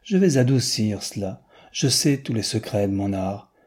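A man's voice: lowish voice, expressive, normal speed, a little mellow, husky. A man reading aloud, voicing a sly, coquettish young woman copyist who bargains teasingly.

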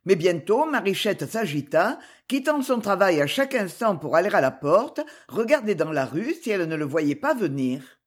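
A woman narrating a novel chapter as an audiobook reader, with measured, expressive storytelling. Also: on the low side, slightly rough. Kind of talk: scripted narration.

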